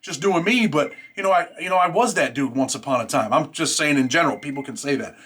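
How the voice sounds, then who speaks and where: A man interviews someone in casual, slangy talk. He speaks very quickly with a bright, hard edge and presses his points insistently. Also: mid-range voice, slightly rough. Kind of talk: casual, earnest street-talk conversation.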